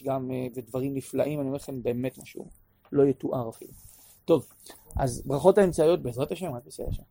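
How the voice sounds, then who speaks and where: A man teaching a class on prayer in an animated way, acting out pleas and sometimes raising his voice to a shout. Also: mid-range voice. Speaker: religious teacher.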